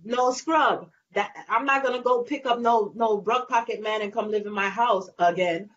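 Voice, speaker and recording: At normal speed and a fairly high pitch, a woman singer with a light voice talks animatedly as a guest in a casual interview. She laughs and dramatizes quotes and small scenes, and faint noise runs through the lo-fi audio.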